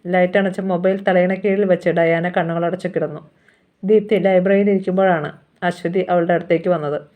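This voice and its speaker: A storyteller from Kerala reading a serialized novel aloud in an even, measured narration. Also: mid-range voice, narrow, tinny audio. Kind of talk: scripted audiobook narration.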